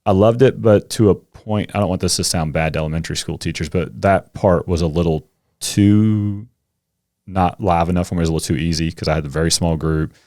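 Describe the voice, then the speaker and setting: A middle-aged man, a coach and teacher, chatting as a podcast guest and telling animated stories. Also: low voice, fairly quick, no echo, studio quality. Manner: animated storyteller, acts out kids' voices. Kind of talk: casual interview conversation.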